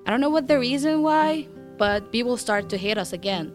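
A woman's voice: a little high, lively intonation, brisk, faint music behind. A teenage girl from Syria whose first language is Arabic, speaking earnestly and directly in an interview. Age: teens. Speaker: student interviewee. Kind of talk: interview testimony.

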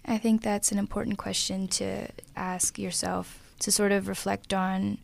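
A woman's voice: mid-range voice, level tone, measured pace, creaky, no room sound. A teenage girl co-hosting a youth radio show in a studio, reading a prepared story and then discussing it earnestly. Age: teens. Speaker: student co-host. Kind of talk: scripted news segment and discussion.

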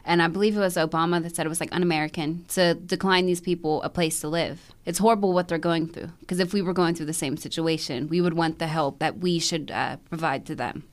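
Brief: teen girl host, slightly low voice, plain and a bit hesitant. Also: steady tone, fairly quick, few pauses. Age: teens. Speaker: youth radio host. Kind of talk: show introduction and discussion. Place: radio studio.

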